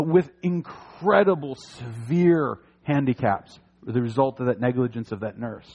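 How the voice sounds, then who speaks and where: A man preaching a sermon in an animated, conversational way, with jokey asides. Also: on the high side, highs cut off. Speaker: pastor.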